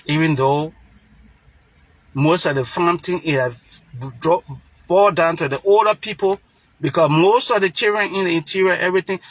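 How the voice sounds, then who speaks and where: A Liberian political commentator with a Liberian accent gives an impassioned, preacher-like monologue, repeating phrases for emphasis. His voice is high-pitched at normal speed with long pauses, in a dry, low-quality recording.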